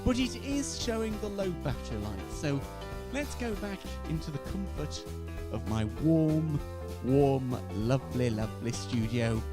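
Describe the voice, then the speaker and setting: At medium pitch and an unhurried pace, a very animated man rambles through his casual online radio-style show, often poking fun at himself. Recording from his home studio and rooms downstairs, he alternates between wireless and studio mics, and background music plays at times.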